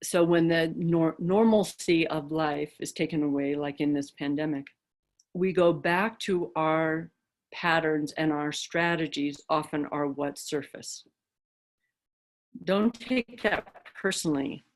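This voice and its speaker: Low-voiced woman giving a dharma talk. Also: takes it slowly. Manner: reflective storytelling with fillers. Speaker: dharma teacher.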